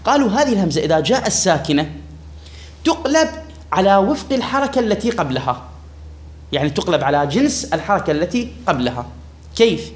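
A man's voice: high-pitched, big pitch swings, a little fast, pauses often. A man teaching a grammar lesson to a class, repeating key words and putting questions to his students. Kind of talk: classroom lesson explaining a text.

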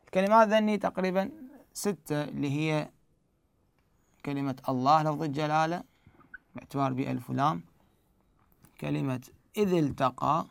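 A man's voice: on the high side, moderate pace, gravelly, long pauses, clean tone. A man with an Iraqi Arabic accent, teaching Quran recitation rules step by step and answering his own questions. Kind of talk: explanatory lesson.

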